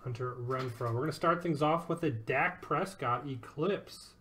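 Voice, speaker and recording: A man's voice: mid-range voice, normal speed, fairly bright tone. A man hosting a live sports card break, upbeat and joking as he calls out each card and who it goes to.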